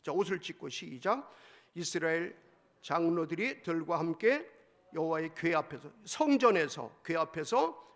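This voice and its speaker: A male pastor preaching a sermon emphatically, swinging between loud exclamations and hushed asides. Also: a little high, expressive, unhurried.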